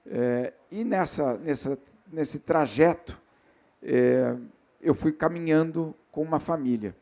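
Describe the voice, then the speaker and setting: A man with a Brazilian accent moderating a festival panel, telling a story reflectively with pauses and restarts. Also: fairly high pitch, a little mellow. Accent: Brazilian Portuguese. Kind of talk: storytelling in a live panel talk. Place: stage at a literary festival.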